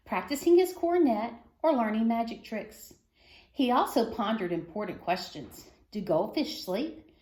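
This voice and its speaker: A woman with a fairly high, darkish voice reads a children's story aloud to schoolchildren, phrasing expressively and stressing key words. The room is echoey.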